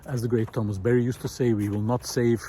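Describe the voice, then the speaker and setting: Talking fast with little pitch movement, a vlog host walks through a snowy park and reflects aloud without a script, his phrasing thoughtful and hesitant. His medium-pitched voice is warm, with slight background noise.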